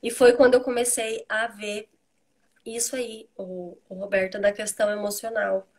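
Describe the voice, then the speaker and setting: A woman's voice: mid-range voice, moderate pace. A Brazilian woman in her thirties, a mother and host, chatting casually and acting out what she says to her children. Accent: Brazilian Portuguese. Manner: animated, acts out quoted dialogue with her children. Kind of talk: casual conversation.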